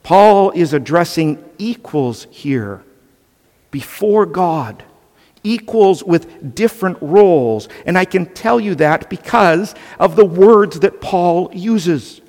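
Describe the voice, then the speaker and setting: A man's voice: high voice, expressive, takes it slowly, a little mellow, in a large hall. A male pastor delivering an earnest, emphatic sermon, often restarting his phrases.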